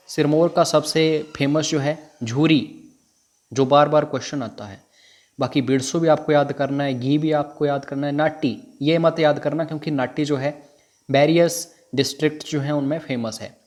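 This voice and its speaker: A man's voice: fairly high pitch, darkish tone. A man teaching an exam prep lesson, repeating which facts to memorize. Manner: repetitive, drilling what to memorize.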